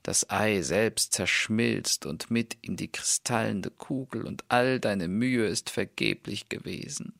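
An enchanted princess from an old fairy tale explains her curse in a lifted, lamenting voice, read by a man. It stays unhurried and earnest, with a gravelly grain and a dry, close sound. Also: lowish voice, fairly bright tone, no echo, exaggerated voice. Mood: sorrowful.

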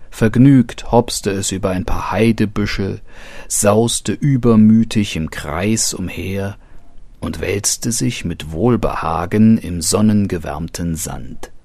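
A man narrating a fable in an expressive, unhurried storytelling manner, with a gravelly voice. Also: deep voice, no echo.

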